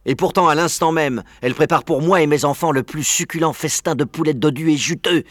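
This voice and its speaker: A man's voice: a little high, a little fast, no room sound, studio quality, pitched above the performer's own voice, natural voice. A man voicing a sly, confident father fox who speaks in a confiding, scheming way. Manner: warm, mysterious, confiding.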